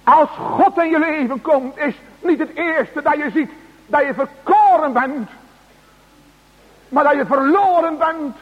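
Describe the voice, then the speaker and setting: A man preaching a sermon to his congregation, slow and solemn, with emphatic cries. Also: very high voice. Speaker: pastor. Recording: dull radio broadcast in a large hall.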